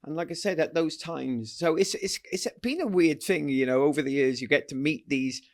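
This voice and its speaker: Animated British man telling stories. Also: fairly high pitch, moderate pace. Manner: animated storyteller, acts out voices, laughs often. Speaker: guest athlete. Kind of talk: casual storytelling interview.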